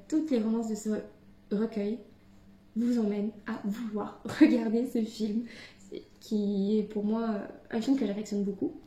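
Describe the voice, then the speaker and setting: Mellow-voiced woman chatting in an echoey room. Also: mid-range voice. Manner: hesitant, many fillers and restarts. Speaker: book vlogger. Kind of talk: casual chat to camera.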